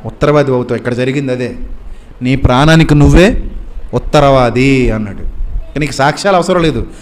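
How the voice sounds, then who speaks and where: A man's voice: mid-range voice, fairly quick. A male preacher delivering a sermon, admonishing his listeners with many rhetorical questions.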